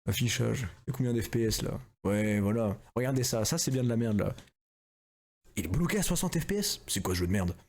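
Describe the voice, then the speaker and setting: A man's voice: lowish voice, animated, fairly quick, vocal fry, darkish tone. A man streaming a horror game with a friend, chatting casually in a crude, joking, bossy way from a home room. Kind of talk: casual gaming stream chat.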